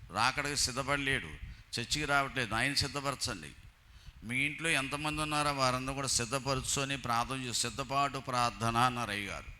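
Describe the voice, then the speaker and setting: A man's voice: medium pitch, sharp tone, slight background noise. A man preaching a sermon in church, telling anecdotes and acting out the people he quotes.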